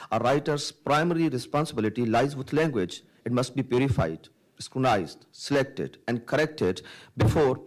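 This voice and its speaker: A man's voice: medium pitch, a little mellow, rough recording. A middle-aged man reading a prepared essay aloud at a table microphone on a panel. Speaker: panel speaker, writer. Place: library meeting room with seated audience.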